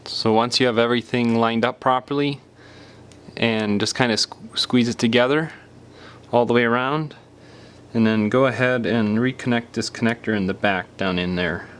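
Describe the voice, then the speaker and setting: A man with a clear, resonant, fairly bright voice of medium pitch speaks at normal speed while presenting a repair tutorial. His explanation is casual and unscripted, moving step by step, and some phrases just trail off.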